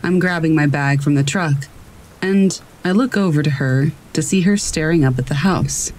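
A narrator reading scary stories aloud in a calm, measured storytelling voice. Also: mid-range voice, rough recording. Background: faint rain.

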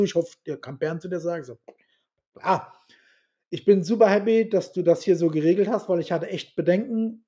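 A middle-aged man telling stories as a podcast guest, bluntly and with salty language, acting out the dialogue he quotes. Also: high voice. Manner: animated storyteller who acts out quoted dialogue; blunt and salty, swears casually. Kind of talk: casual storytelling interview.

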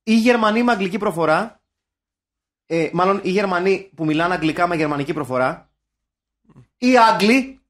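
A young man from Greece co-hosting a podcast, chatting casually with animated, jokey rants and swearing. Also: high voice, long pauses. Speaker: podcast co-host. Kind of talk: casual chat.

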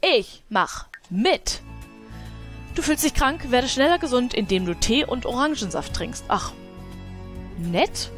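A woman's voice: on the high side, lively intonation, slow, pauses often, soft background music. A woman giving casual let's play commentary, chatting to her game characters and laughing often.

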